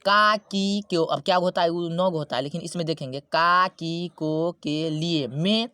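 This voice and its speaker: A man teaching a Hindi grammar lesson, repeating key words and asking rhetorical questions, slowing down to spell out terms. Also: fairly high pitch, bright, forceful tone, smooth, no room sound. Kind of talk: classroom-style grammar lesson.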